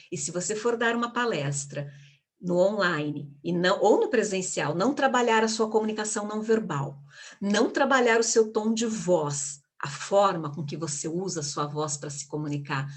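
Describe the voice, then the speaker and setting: Woman teaching public speaking on a video call, punchy, lots of rhetorical questions, stretches words out. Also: mid-range voice. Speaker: communication speaker, guest of an online live. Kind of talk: online lecture on public speaking.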